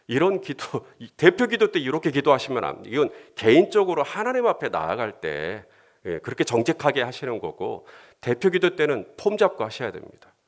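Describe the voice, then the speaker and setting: A man's voice: medium pitch, big pitch swings, normal speed. A man pastor giving a conversational sermon, sometimes voicing heartfelt prayers with rising emotion and leading the congregation in reading scripture.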